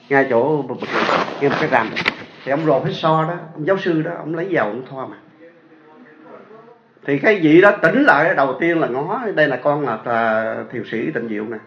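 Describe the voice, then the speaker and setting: High-voiced Southern Vietnamese monk preaching. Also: male voice. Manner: chatty, asks the audience rhetorical questions. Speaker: Buddhist monk teacher. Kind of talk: storytelling sermon. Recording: echoey dull lo-fi sound.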